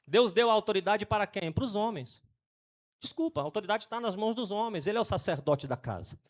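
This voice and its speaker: A Brazilian man preaches a sermon in a high voice. He rises to loud, emphatic declarations, then sinks into quiet, confiding asides to his congregation. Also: expressive, fairly quick. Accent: Brazilian Portuguese. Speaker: pastor. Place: church.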